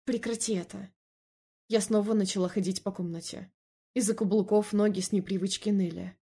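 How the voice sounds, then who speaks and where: A woman narrates a first-person novel in an even, measured tone. Her voice is mellow and slightly husky, with a middle pitch. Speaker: audiobook narrator.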